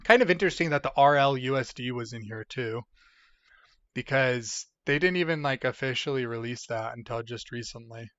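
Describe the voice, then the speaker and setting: A man's voice: mid-range voice, moderate pace, fairly bright tone, no room sound, highs cut off. A tired, sleepy man hosting a casual livestream, from the United States, rambling as he reads chat aloud. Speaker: livestream host.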